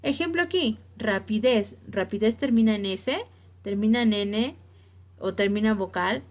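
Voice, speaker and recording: A woman's voice: mid-range voice, normal speed, darkish tone. A woman teacher giving a spelling lesson to her students, stressing key words and checking that they follow along.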